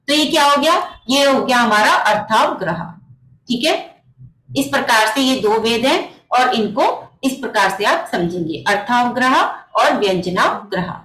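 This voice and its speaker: A woman with a high voice teaches a scripture class over a video call. She explains each point patiently and keeps asking rhetorical questions. Her voice carries a noticeable echo from the room. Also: a bit bright. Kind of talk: online religious text class. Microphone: computer mic on a video call.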